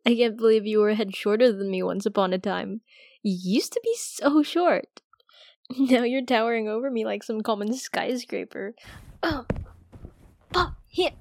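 A woman's voice: on the high side, lively intonation, moderate pace, darkish tone, no room sound, clean studio sound. A young woman voicing a cocky, teasing friend's older sister in an audio roleplay, swearing freely and laughing often. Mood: playful, boastful. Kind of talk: audio roleplay addressing the listener.

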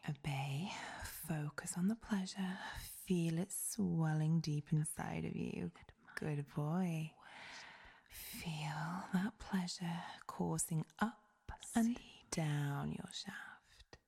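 Whispered role-play: woman as commanding, seductive goddess voice, very breathy, unhurried and sensual. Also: sits low, warm tone, exaggerated voice.

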